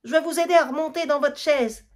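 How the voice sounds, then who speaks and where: A woman's voice: high voice, fast talker, voice pushed up, lightly acted. A woman reading a play aloud, voicing a harried middle-aged housewife who cares for her mother-in-law, with a Quebec French accent and a complaining manner. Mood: fussing.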